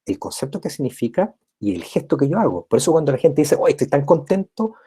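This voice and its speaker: Speaking quickly in a sing-song way, a man gives a recorded university lecture in a medium-pitched, mellow, husky voice. He explains step by step, repeats and rephrases points, and keeps using tag checks with listeners.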